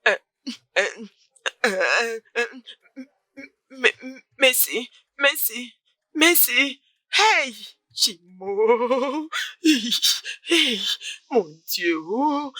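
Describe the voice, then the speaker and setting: A woman's voice: high voice, no echo, heavily acted. Field: a woman playing a fiery young village woman. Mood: pleading. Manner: defiant, loud, combative. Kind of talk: dubbed film acting.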